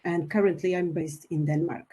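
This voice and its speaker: A woman's voice: fairly low pitch, steady tone, moderate pace, warm tone. A woman from Portugal giving a webinar presentation over a video call, polite and a little hesitant, with some fillers. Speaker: webinar speaker, company founder.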